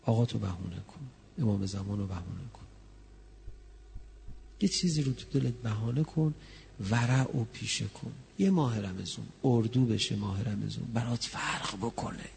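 A man preaching a religious sermon that rises into a chanted mourning lament, moving from soft, close talk to high, loud wailing. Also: creaky, a little hiss or hum. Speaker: preacher reciting a mourning recitation.

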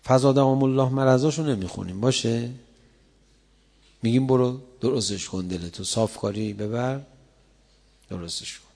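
A man giving a colloquial religious sermon, telling stories in a conversational way and building up to loud, impassioned passages. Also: mid-range voice, gravelly, long pauses. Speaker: preacher.

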